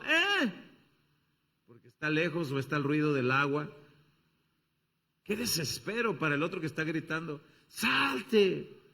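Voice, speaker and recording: A man preaching a sermon as pastor, talking straight to the congregation and acting out little scenes with shouted voices. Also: fairly high pitch. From Mexico. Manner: animated, acts out everyday scenes with shouted voices; addresses the congregation directly with questions.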